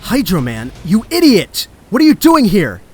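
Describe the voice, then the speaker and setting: A man's voice: high-pitched, huge pitch swings, normal speed, a little mellow, slight background noise. A man playing a young male superhero in a comic dub, earnest, wry and anxious but determined. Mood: shocked.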